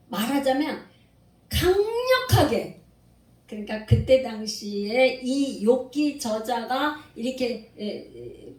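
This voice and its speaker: A middle-aged woman pastor preaching an expository Bible sermon, acting out pleas with sudden swings and reading scripture slowly between rhetorical questions. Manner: animated, acts out Job's pleas with sudden pitch swings. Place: church hall. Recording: echoey room, mic at a distance.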